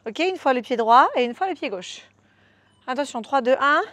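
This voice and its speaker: Woman fitness coach, high voice, dry close sound, upbeat, chatty, coaxing. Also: expressive, normal speed, a bit bright, no room sound. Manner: upbeat, coaxing, chatty, counts moves aloud. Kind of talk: guided workout instruction.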